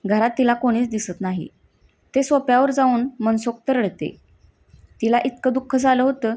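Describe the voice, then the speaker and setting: A woman's voice: on the high side, warm tone. A woman narrating a family drama story, reading steadily.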